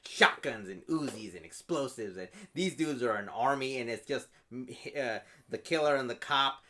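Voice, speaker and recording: A man hosting a podcast, chatting casually and excitedly as he retells movie scenes. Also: medium pitch, normal speed. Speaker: podcast host. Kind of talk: casual movie review chat.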